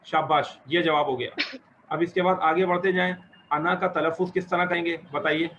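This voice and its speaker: A man's voice: fairly high pitch, fairly even intonation, moderate pace, a bit bright. A man teaching an Arabic grammar lesson to a class, asking questions, explaining rules patiently and encouraging his students. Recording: dull lo-fi recording with faint noise.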